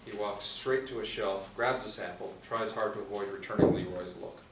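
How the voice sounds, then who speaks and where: Reading from a tablet while seated in a small room, a middle-aged man delivers stage directions as the table read's narrator. His lowish voice keeps a steady tone at normal speed, and the echoey recording has a distant mic and faint noise.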